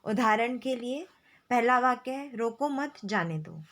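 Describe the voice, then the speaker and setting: A woman teacher explaining grammar to schoolchildren, slow and patient, repeating key phrases. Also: fairly high pitch, lively intonation, fairly bright tone. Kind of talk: classroom lesson explaining grammar.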